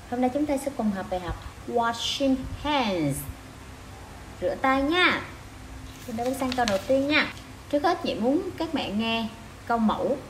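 A woman teaching an online language lesson to parents. She repeats short sentences slowly, one word at a time, and then explains them. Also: a little high. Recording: echoey room with clear noise.

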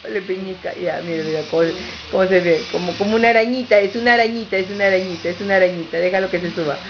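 A woman's voice: mid-range voice, very fast. A middle-aged woman, cooing in sing-song baby talk to an infant at home. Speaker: relative caring for a baby. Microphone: camcorder. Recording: muffled home video with noise.

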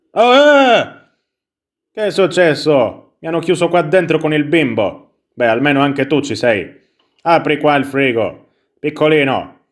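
A young man from Italy commentating a horror game in a jokey, excitable way and reading a bedtime story aloud. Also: medium pitch. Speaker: gaming YouTuber.

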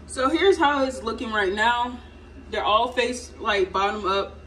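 A young American woman hosts a home cooking vlog, chatting with viewers in a playful, slangy, casual way. Her voice is a little high and a bit bright, and she speaks slightly slowly. The phone or camera sits propped at a distance in her small indoor kitchen, so the sound is distant with noisy kitchen ambience.

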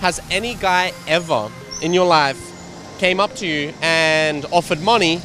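A young man with a handheld mic runs a casual street interview on a busy city street, upbeat and teasing as he fires off quick follow-up questions. His voice is a little high, bright and forceful, with soft music in the background.

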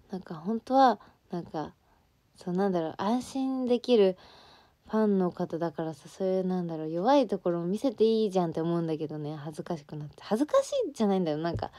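A woman's voice: low-pitched, mellow, no room sound. A young woman from Fukuoka with a Hakata accent, an idol chatting casually on a livestream, rambling with fillers and giggling as she reads fan comments. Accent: Hakata dialect. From Fukuoka, Japan.

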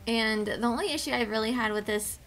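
Bright-voiced woman talking through a face mask. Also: fairly high pitch, a little fast, soft background music. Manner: chatty, self-deprecating, lots of "like". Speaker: beauty vlogger. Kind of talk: casual product review vlog.

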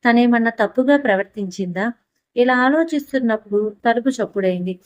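A woman narrating a scripted story for an audiobook in a steady, even manner on a close mic. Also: on the high side, fairly quick, dry recording, highs cut off.

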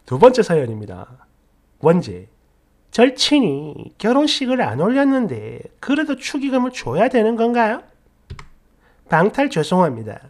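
Lively woman reading posts aloud. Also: medium pitch, moderate pace. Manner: lively, mocking, laughs at the stories. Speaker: story channel narrator.

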